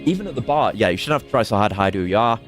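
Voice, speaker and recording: A man voicing a calm, kind young detective, reading game lines aloud in a gentle, earnest way. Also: lowish voice, very fast, soft background music, pitched below the performer's own voice, natural voice. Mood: reassuring.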